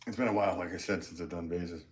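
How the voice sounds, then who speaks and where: A man's voice: sits low, fairly even intonation, fast. An American man hosting a casual livestream as a potter, rambling and chatty as he works and reads out comments. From United States. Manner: rambling, chatty, talking to himself while working.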